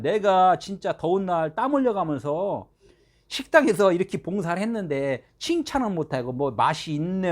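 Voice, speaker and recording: A man preaching a sermon in a lively, conversational way, his pitch riding fairly high and leaping up and down. He throws out rhetorical questions to his listeners and shifts between loud emphasis and quiet asides. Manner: animated, swings between loud and soft. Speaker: pastor.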